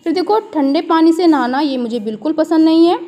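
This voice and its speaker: A woman teacher going through a children's worksheet, slowly spelling out words letter by letter and asking simple questions. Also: high voice, warm tone.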